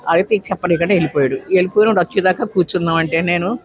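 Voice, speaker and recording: A woman's voice: lowish voice, racing. A woman in her nineties, an elderly petitioner, giving a long, pleading account of her grievances in an interview. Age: 90s. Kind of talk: emotional interview testimony.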